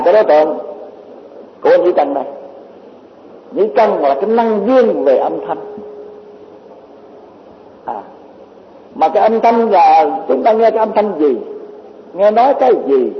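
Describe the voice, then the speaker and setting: Male Buddhist teacher, high voice, rambling dharma talk with repeated words, dull lo-fi hall recording. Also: a little hiss or hum. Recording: echoey hall, dull lo-fi sound.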